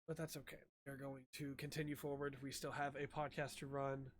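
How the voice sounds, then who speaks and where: A man's voice: medium pitch, flat delivery, brisk, slight background noise. A man hosting a casual podcast chat, his voice slightly weak after an asthma attack. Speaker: podcast host.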